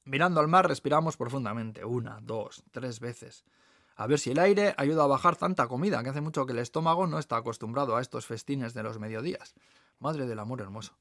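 A man's voice: medium pitch, fairly quick, no room sound, studio quality. A man from the Basque Country with a Peninsular Spanish accent, reading his own memoir aloud with wry asides. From Basque Country, Spain. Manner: warm storytelling, wry asides. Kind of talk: audiobook narration of a memoir.

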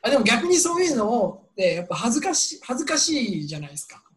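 A man speaks politely but with animation in a casual podcast conversation, telling a story. He talks quickly and keeps the story moving. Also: very high voice, big pitch swings, fairly bright tone.

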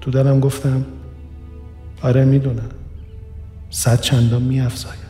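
A man narrating a first-person radio story in a quiet, reflective, measured way. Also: mid-range voice, flat delivery. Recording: reverberant room with soft background music.

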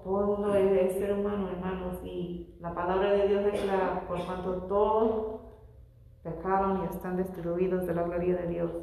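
A woman's voice: mid-range voice, dark tone. A woman preaching a fervent sermon, reading scripture and calling her listeners brothers. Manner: fervent, addresses congregation as brothers. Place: church. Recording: very echoey church hall.

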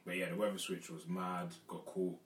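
A man's voice: deep voice, flat delivery, moderate pace, distant mic, slight background noise. A man with a London accent chatting casually as a podcast host, using street slang. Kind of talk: casual chat. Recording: echoey room, off mic.

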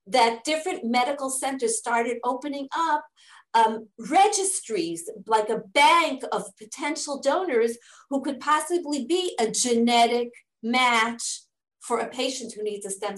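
Interviewed about her charity's work, a middle-aged fundraising director, a native English speaker living in Israel, gives earnest, step-by-step answers with frequent restarts. Her voice is on the high side and a bit bright. The audio is reverberant and low in quality.

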